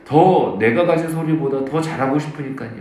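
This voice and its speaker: A man's voice: on the high side, moderate pace, darkish tone. A male pastor preaching at a dawn service, telling his own story and acting out the voices he quotes. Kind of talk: sermon with personal testimony. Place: church sanctuary. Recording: very echoey church hall.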